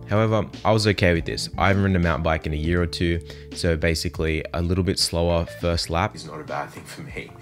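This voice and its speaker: A man with a nasal voice, feeling under the weather, telling a chatty, self-deprecating story as a voice-over. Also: low voice. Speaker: vlogger narrating his race. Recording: roomy sound with music underneath.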